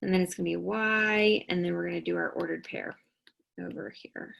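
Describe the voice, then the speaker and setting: Gravelly tired woman teaching math. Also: lowish voice, fairly even intonation, normal speed, a bit bright, rough recording. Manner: talks students through each step, asking and answering her own questions. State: tired, yawning. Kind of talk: recorded classroom lesson.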